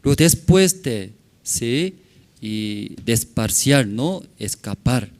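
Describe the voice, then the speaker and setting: Pastor speaking broken Spanish. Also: male voice, medium pitch, lively intonation, slow, darkish tone. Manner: broken non-native Spanish, tag questions, chuckles. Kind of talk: informal sermon with storytelling. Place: church.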